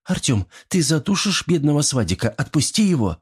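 A man's voice: fairly high pitch, sing-song, a little fast, husky, voice pushed up, heavily acted. A man voicing a capricious, petulant young woman in an audiobook.

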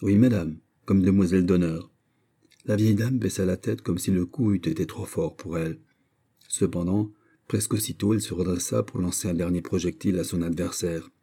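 A man reading a classic novel aloud as an audiobook narrator, with measured, deliberate phrasing. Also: deep voice, steady tone, warm tone, breathy edge.

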